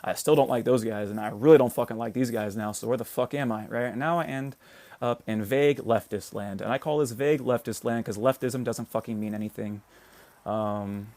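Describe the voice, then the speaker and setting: An American man hosts a casual political livestream, rambling, swearing, asking "right?" often, and pausing to greet commenters and respond to what they write. His voice is fairly low, steady and a little mellow, and he speaks fairly quickly with no echo.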